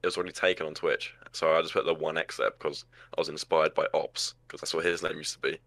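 A man's voice: rumbling low, flat delivery, creaky, fairly bright tone. A seventeen-year-old man, co-hosting a podcast and rambling through stories in casual talk. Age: teens. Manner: rambling, quick storyteller. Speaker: podcast co-host. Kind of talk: casual chat.

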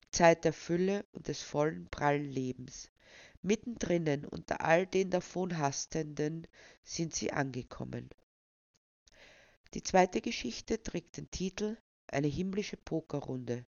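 A woman, the author, reading her own short story aloud in a calm, measured manner. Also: deep voice, gravelly, no echo, lo-fi sound.

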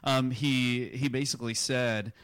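A man's voice: medium pitch, steady tone, a little slow, a bit bright, clean tone, no echo, studio quality. A man with a casual, chatty way of telling anecdotes.

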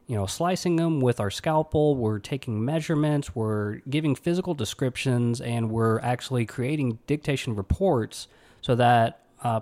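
On his casual solo podcast, a pathology resident from Alabama talks earnestly in a Southern accent, wandering through his points with plenty of fillers and restarts. His voice is mid-range and a little mellow.

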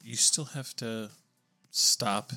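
Guy hosting a gaming chat, talks slow, dry jokes, bit of music behind. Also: medium pitch, vocal fry, pushed and bright. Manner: dry, joking short replies. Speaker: podcast host.

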